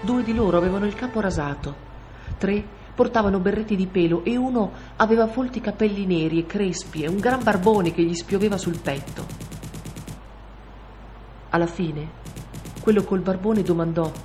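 A woman narrating an audiobook in a measured, steady storytelling voice. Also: mid-range voice. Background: faint music.

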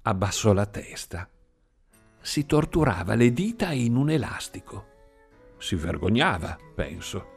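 A man reading a story aloud in an expressive, sing-song storytelling manner. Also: on the low side, unhurried, vocal fry, slightly rough. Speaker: narrator. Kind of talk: audiobook reading. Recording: faint music behind.

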